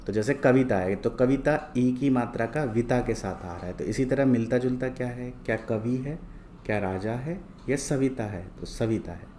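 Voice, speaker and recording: A man teaching a lesson from worksheets, reading each word twice, slowly and clearly, and asking questions he then answers himself. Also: medium pitch, mellow, slight background noise. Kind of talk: slow, patient lesson going through worksheets.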